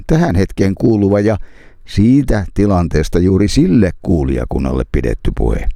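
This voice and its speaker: A middle-aged man, a pastor, reading a scripted spoken essay in a measured, rhetorical way with dramatic pauses. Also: low-pitched, vocal fry, mellow, no room sound, clean studio sound. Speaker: pastor and public speaker.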